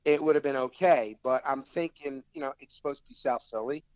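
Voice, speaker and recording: A brisk, mid-range male voice comes through dull audio with no echo. The speaker, an actor with a South Philly accent, recounts stories in a casual interview, animatedly voicing what others told him.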